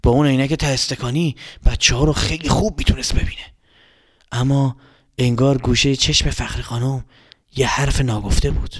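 A man narrating a children's story, expressive and speaking to the kids directly. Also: mid-range voice, slightly rough. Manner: lively, expressive, addressing children.

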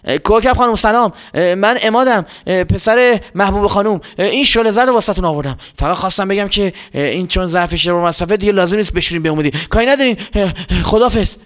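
A man's voice: high voice, hardly any pauses, fairly bright tone, voice pushed up. A man voicing a frightened young boy who stammers and panics. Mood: nervous. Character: frightened young boy, jumpy and fast-talking.

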